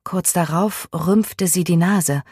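A woman narrating a novel in a calm, even storytelling manner. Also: fairly low pitch, slow pace, breathy edge, no room sound, studio quality. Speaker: audiobook narrator.

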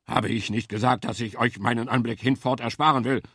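A man's voice: medium pitch, steady tone, fairly quick, a bit bright, breathy edge, dry recording. Man playing a sad wild boar, moaning, lamenting, storybook, dry sound. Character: gloomy male wild boar, self-pitying.

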